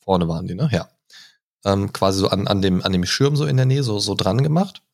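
Speaking briskly with a creaky, fairly low voice, a male podcast host keeps things casual, peppering his chat with fillers and tag questions.

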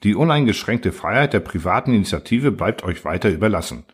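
A man reading the part of a condescending machine that rules by order and lectures its makers in a calm, lecturing manner. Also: lowish voice, fairly quick, breathy edge. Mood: cold. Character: cold, lecturing order-obsessed machine ruler.

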